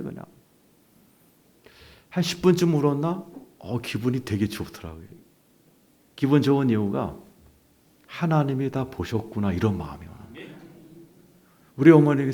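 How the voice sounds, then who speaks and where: Middle-aged pastor guy preaching a testimony at church, warm low voice that swings all over, hushed one sec then loud. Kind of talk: revival sermon, personal testimony.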